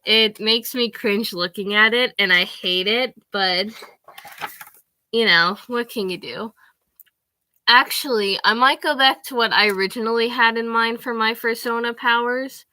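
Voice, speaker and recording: A woman's voice: on the high side, measured pace, pushed and bright, no echo. A teenage girl chatting casually to the camera from her bedroom, rambling with lots of fillers. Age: teens. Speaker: vlogger.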